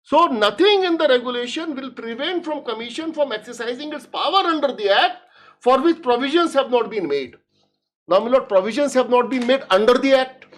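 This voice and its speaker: A woman lawyer making a formal courtroom argument, reading legal text deliberately and emphatically, repeating key phrases. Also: sits high, lively intonation. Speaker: lawyer arguing before a judge. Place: courtroom live stream.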